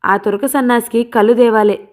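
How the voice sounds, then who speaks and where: A woman voicing a sharp-tongued village mother who scolds in plain rustic speech. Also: fairly high pitch, fairly even intonation, normal speed, pitched above the performer's own voice, close to an everyday voice. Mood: scolding.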